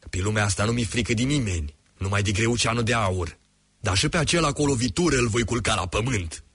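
A man's voice: fairly low pitch, a bit bright, husky, no echo. Man doing a boastful young zmeu. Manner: angry boasting. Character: young boastful male dragon, angry monster.

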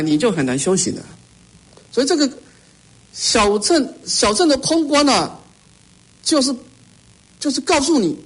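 High-pitched husky man giving a dharma talk. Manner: earnest, rhetorical questions, repeats words when emphasizing. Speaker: Buddhist teacher. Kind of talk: dharma lecture.

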